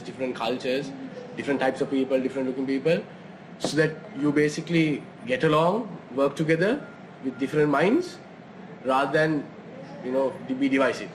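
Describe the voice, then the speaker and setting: A man from Saudi Arabia hosting a casual conversation, rambling with many fillers and restarts. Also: mid-range voice. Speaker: host. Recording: noisy background.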